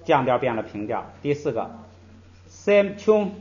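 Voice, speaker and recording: In a brisk, mid-range voice, a male teacher gives a patient language lecture, elongating example syllables and slipping in frequent "hey"s. Audio is slightly muffled.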